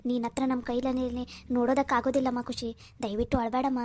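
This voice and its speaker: A woman's voice: fairly high pitch, little pitch movement, fast talker, a little mellow, natural voice. A woman voicing a worried middle-aged mother in a cartoon family drama, soothing her daughter and bitter about her daughter-in-law.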